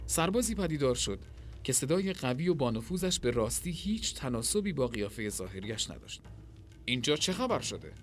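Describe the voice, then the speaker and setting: A man narrating a story in a steady, measured reading voice. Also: medium pitch, faint music behind.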